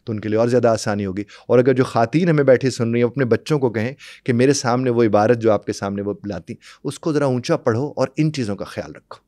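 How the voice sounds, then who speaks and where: Guy explaining stuff earnestly in an interview, mid pitch, dry close mic. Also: fast talker, hardly any pauses, dark tone, no echo. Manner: earnest, explanatory, repeats example words. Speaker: English language guest expert.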